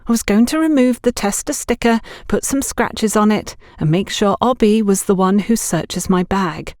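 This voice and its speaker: In an audiobook story, a woman plays a frightened young shop girl, pleading nervously and urgently in a confessing tone. Her medium-pitched, slightly mellow voice moves at a moderate pace and sits above her natural register yet stays near everyday speech, captured in clean, echo-free studio sound.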